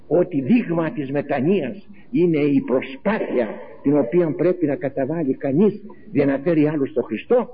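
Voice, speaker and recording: A man, throwing questions at his listeners and acting out the voices he quotes. The sound is thin and narrow like an old phone line, with a faint hiss underneath. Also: on the high side. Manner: impassioned, rhetorical questions, acts out quoted voices. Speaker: preacher. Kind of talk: sermon. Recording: tinny lo-fi recording with faint hiss.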